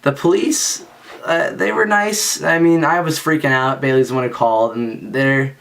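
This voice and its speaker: A man's voice: fairly high pitch, steady tone, moderate pace, gravelly, fairly bright tone. A young man telling a story in casual speech, rambling and self-mocking, with lots of fillers. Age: young adult. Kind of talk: casual spoken anecdote.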